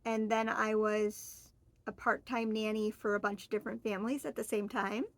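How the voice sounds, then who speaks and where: Talking solo to camera at a normal speed, a woman in her 40s from Oregon rambles on in a friendly, chatty vlog, using fillers and correcting herself. Her medium-pitched voice has little pitch movement.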